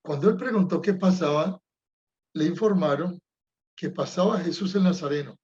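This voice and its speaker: High-voiced man teaching prayer, dull audio. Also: normal speed, a little mellow. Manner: reflective, acts out the blind man's cries dramatically. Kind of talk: teaching lesson on Lectio Divina.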